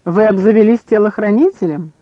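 A man's voice: high-pitched, fairly quick, no room sound, lo-fi sound, pitched above the performer's own voice. A man voicing a jittery, fussy old male historian who yelps and shrieks in an audiobook. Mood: testy. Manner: yelping, fussy.

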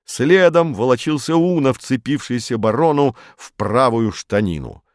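A man narrating a novel as an audiobook, slow and measured, with a lively, expressive rise and fall in his voice. The sound is dry and close to the mic, with no room around it. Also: mid-range voice, no room sound.

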